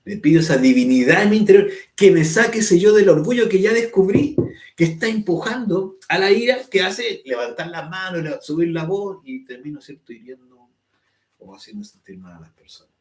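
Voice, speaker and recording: A man's voice: high-pitched, fairly quick, darkish tone. A man teaching an online spiritual class, explaining patiently, acting out angry quotes, and checking "right?" with his listeners. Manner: explanatory, acts out angry quotes, asks "¿cierto?" often. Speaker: spiritual course instructor. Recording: echoey room.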